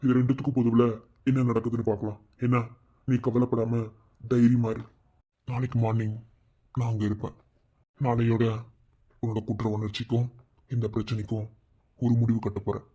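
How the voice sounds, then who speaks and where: A man voicing a calm, steady cartoon husband. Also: medium pitch, a little fast, long pauses, slightly rough. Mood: reassuring. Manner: steady, soothing, firm. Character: calm husband reassuring his wife. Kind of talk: cartoon voice acting. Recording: dull lo-fi sound.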